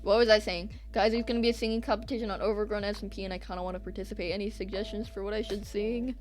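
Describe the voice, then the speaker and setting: A woman's voice: mid-range voice, very fast, faint music behind. Rambling young woman streamer. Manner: rambling, swears often, loses her train of thought; animated rants with laughter. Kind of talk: casual live-stream chat.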